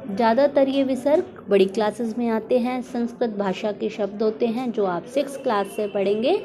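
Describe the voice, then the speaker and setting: A woman's voice: on the high side, crowd noise. A woman teaching a primary school Hindi lesson, drilling sounds syllable by syllable and asking the class questions. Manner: slow, drawn-out syllable drills with call-and-response questions.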